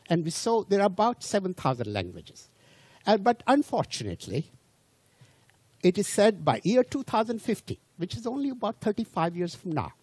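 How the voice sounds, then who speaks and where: Speaking in a high voice with a darkish tone, an Indian man for whom English is not a first language delivers a slow-paced public lecture, often restarting and repeating words. There's no room sound.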